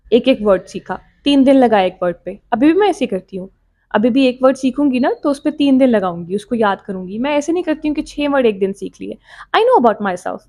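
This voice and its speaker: High-voiced woman teaching English. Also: darkish tone. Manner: encouraging, direct, repeats herself to make a point. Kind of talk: casual spoken lesson mixing Hindi-Urdu and English.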